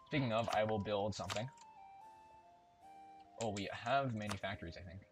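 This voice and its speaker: Speaking at normal speed in a fairly low voice, a man commentates a strategy game casually while playing it. He thinks out loud, chatty and self-correcting, in a let's-play style, with game music and keyboard typing in the background.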